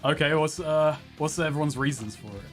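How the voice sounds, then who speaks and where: A man's voice: a little high, brisk, faint music behind. A man streaming a video game, chatting casually, laughing often and swearing in playful exasperation.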